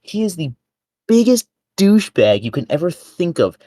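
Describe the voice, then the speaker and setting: Guest on a casual podcast, mid-pitched voice, dry sound, heated and profane. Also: big pitch swings, normal speed, dark tone, no room sound. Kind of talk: casual chat.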